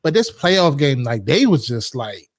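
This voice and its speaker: A man's voice: mid-range voice, big pitch swings, unhurried, dry recording, clean studio sound. Blunt, foul-mouthed man chatting sports. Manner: blunt, swears freely. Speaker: podcast co-host. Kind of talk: casual sports chat.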